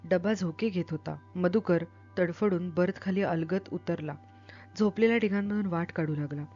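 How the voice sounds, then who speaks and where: A woman with a lowish voice reads a novel aloud in an expressive, dramatic way. She works as a literature teacher explaining the passage. The recording sounds dull and lo-fi, with faint music underneath. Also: normal speed. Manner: expressive, dramatic reading with raised outbursts.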